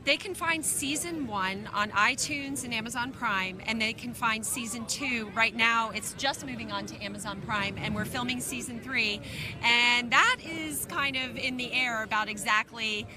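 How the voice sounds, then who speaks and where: Fairly high-pitched woman guest amid crowd chatter. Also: moderate pace. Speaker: interview guest. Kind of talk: casual red carpet interview. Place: outdoors on a red carpet. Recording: crowd chatter, outdoor event.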